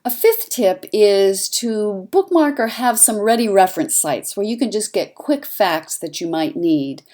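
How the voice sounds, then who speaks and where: A woman, a journalism instructor, narrating an instructional lesson in a clear, conversational teaching manner. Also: mid-range voice, lively intonation, measured pace, a little mellow.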